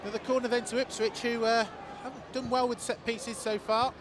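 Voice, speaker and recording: Male football commentator, high-pitched, excitable live play-by-play, loud stadium crowd behind. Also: brisk, noisy background. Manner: excitable, rising to shouts at key moments.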